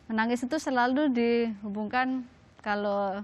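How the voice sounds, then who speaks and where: A woman's voice: on the high side, fairly even intonation, measured pace, a little mellow. A middle-aged woman, a religious teacher answering questions on a talk show, chatty and laughing often between many fillers. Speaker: Islamic religious teacher, guest.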